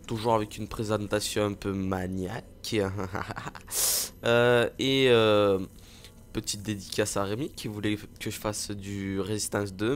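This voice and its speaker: Over a video game, a young gaming host keeps up a loose, joking live commentary, using lots of fillers and poking fun at himself. He speaks on the low side, and a slight hiss or hum can be heard.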